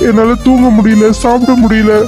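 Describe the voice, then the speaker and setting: A man voicing a heartbroken, tearful young male police officer who talks haltingly in a cartoon serial. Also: high-pitched, fairly even intonation, over music, natural voice. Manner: halting, denying his feelings.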